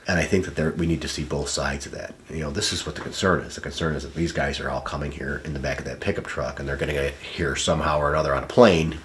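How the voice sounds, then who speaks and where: A man's voice: very deep voice, a bit bright, a little hiss or hum. A man speaking earnestly and steadily, with some restarts, in a documentary interview.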